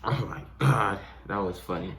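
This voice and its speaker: A man giving casual, excitable video reaction commentary, repeating phrases and breaking into shocked laughter between his remarks. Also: on the low side, normal speed. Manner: excitable, repeats phrases, playfully voices the animals. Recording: roomy echo, clear background noise.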